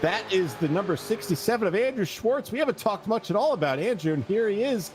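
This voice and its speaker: A man's voice: high voice, expressive, brisk, music in the background. A man calling a sim race play-by-play, playful and prone to trying impressions. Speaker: race commentator.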